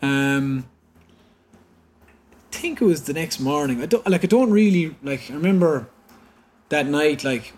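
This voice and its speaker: A man's voice: fairly high pitch, a little slow, pauses often. Irish man telling a story, background noise. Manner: animated, quotes dialogue as he recounts. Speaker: interview guest. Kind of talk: personal storytelling in conversation.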